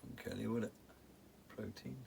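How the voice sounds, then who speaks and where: A man's voice: low voice, quick pace. A man with a British accent chatting casually as co-host of an informal drinks show. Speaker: co-host of a whisky review show. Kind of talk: casual chat. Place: attic room. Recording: noisy room, distant from mic.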